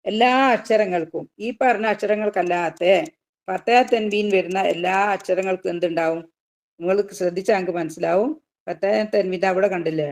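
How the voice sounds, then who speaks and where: Lower-voiced woman teaching Quran recitation rules. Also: darkish tone. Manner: explains step by step, asks questions and answers them herself; slowly drawn-out recitation of verse examples. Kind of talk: Tajweed lesson in Malayalam.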